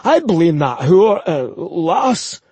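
A man doing an excitable old Scottish uncle. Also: takes it slowly, slightly rough, dry recording, heavily acted. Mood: indignant. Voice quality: high, sing-song and excitable. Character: older Scottish uncle, gossipy and indignant.

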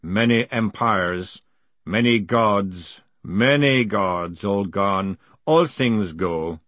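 A man voicing an ancient, solemn male clay golem messenger who speaks slowly and gravely. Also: on the low side, dry recording. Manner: slow, measured, flat and grave.

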